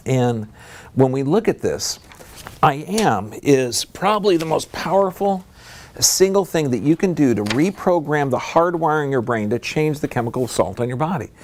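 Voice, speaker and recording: A man giving a talk to a live audience in a room, speaking emphatically and leaping up in pitch to stress a point. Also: a little mellow.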